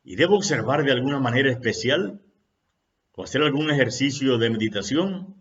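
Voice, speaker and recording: A man's voice: mid-range voice, very animated, brisk, lo-fi sound, natural voice. A man voicing a distressed young male disciple who asks a spiritual master questions in a pleading, exasperated tone. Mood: anxious, exasperated. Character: anxious young male disciple, impatient seeker.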